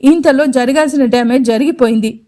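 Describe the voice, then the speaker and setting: A woman voicing a sharp-tongued, tearful young woman, angry and sarcastic by turns. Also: high-pitched, brisk, natural voice. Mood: bitter. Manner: angry, sarcastic, then pleading.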